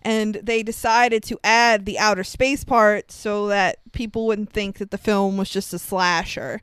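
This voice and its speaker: Laughing young woman, crisp clear voice. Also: medium pitch, measured pace, dry recording. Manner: laughs often, animated, bursts into silly put-on voices. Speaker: podcast co-host. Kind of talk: casual movie review chat.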